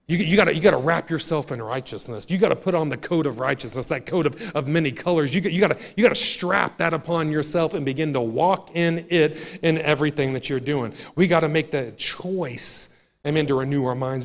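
A man preaching a sermon to his church, folksy and repetitive, calling out to the congregation and building to loud, emphatic climaxes. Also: mid-range voice. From United States. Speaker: pastor. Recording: long hall reverb of a church.

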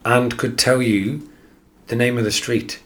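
A man's voice: mid-range voice, steady tone, unhurried, a bit bright. An Australian man co-hosting a podcast, chatting casually and rambling, often repeating words as he thinks. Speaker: podcast co-host. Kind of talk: casual chat.

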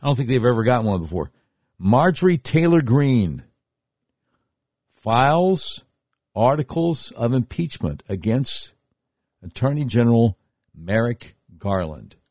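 A man with an American accent and a husky voice, hosting talk radio in a folksy, deliberate, emphatic way with dramatic pauses. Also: medium pitch, very animated, a little mellow, no room sound, clean studio sound. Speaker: radio talk show host. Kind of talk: talk radio monologue with live-read sponsor spots.

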